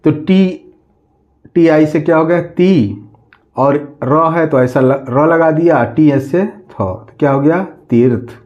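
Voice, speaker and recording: Slow, patient male teacher spelling words. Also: on the high side, darkish tone, muffled recording. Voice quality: slow, drawn-out letter-by-letter spelling, repeating questions. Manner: asks his students questions and answers them himself. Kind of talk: classroom lesson, spelling words aloud.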